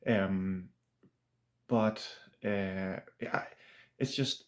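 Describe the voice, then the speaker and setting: Danish-accented male author, flat throaty voice on the low side, halting unscripted chat. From Denmark. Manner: halting, many restarts and fillers. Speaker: author and channel host. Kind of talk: casual unscripted monologue.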